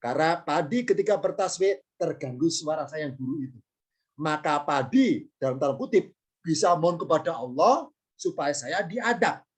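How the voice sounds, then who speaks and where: A man's voice: a little high, expressive, normal speed, slightly rough. Male religious teacher, patient online lesson; self-answered questions, repeats key terms, apologetic asides. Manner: explains step by step, asks and answers his own questions, repeats key words; apologetic asides before examples. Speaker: Islamic studies teacher. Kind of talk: online lesson on Arabic grammar and Quran meaning.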